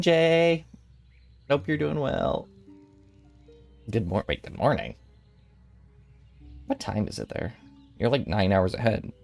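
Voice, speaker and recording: A young VTuber streamer in his twenties chats casually with viewers, rambling playfully and dropping giggly asides. His medium-pitched voice has vocal fry.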